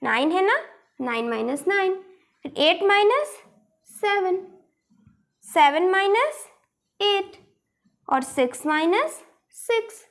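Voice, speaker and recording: A woman's voice: very high-pitched, very animated, slow, long pauses, fairly bright tone. A woman teaching a maths lesson online in a patient manner, explaining each step and asking rhetorical questions as she goes.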